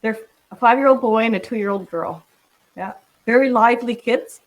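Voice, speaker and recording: Her voice a little high and her pace normal, a podcast guest in her sixties from the Netherlands speaks in a relaxed, thoughtful interview. Frequent ums and false starts mark her speech, and the recording is rough.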